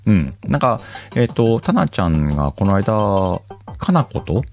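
Reading listener letters on his casual solo talk show, this man speaks a little slowly in a lowish, slightly mellow voice that's very animated. The radio-style chat is self-mocking and loaded with fillers over faint background music.

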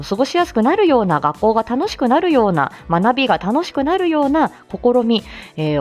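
On a casual morning live stream with faint music behind her, a woman who is both the host and a speech-language therapist chats with listeners and answers their comments. Her mid-range voice is a little mellow, and she mixes polite announcements with informal asides, often chuckling as she talks.

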